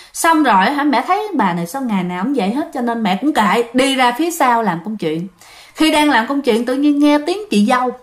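A woman with a Southern Vietnamese accent telling ghost stories in a chatty way, often addressing her listeners directly. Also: high-pitched. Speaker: ghost story narrator. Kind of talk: casual storytelling of listener-sent ghost stories.

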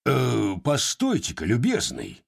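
A man reading an audiobook voices a stout, pompous doctor who talks down to people gruffly, in a husky voice. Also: medium pitch, huge pitch swings, takes it slowly, full character voice. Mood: condescending. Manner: condescending, gruff. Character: stout pompous male doctor, bossy and threatening.

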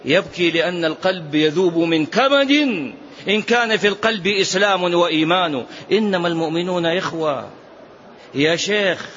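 A middle-aged man preaching a mosque lesson, animated and exhorting, full of rhetorical questions. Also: high voice, brisk. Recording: dull lo-fi mosque recording with faint noise.

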